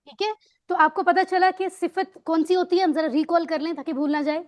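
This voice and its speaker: A woman's voice: very high-pitched, fairly even intonation. A woman teaching a grammar lesson, patiently quizzing her students on words and mixing English words into her explanations. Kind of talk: online Arabic grammar lesson.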